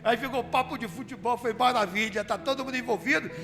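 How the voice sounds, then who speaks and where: A man from Rio de Janeiro, a church deacon telling his testimony in an animated way and acting out his own quotes. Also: very high voice, quick pace. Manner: animated storyteller who acts out his own quotes, rising to shouts at the peaks. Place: church hall. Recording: reverberant church hall with music behind.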